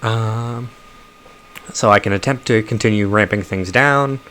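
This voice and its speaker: A man's voice: on the low side, measured pace, a bit bright, slight background noise. A man streaming a game live, chatting casually with frequent chuckles and fillers. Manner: chuckles often, loose with fillers.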